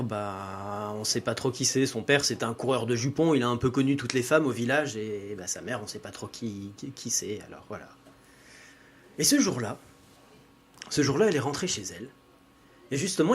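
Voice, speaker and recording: A man's voice: mid-range voice, husky. A man telling a folk tale casually, with fillers and repetitions. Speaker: storyteller.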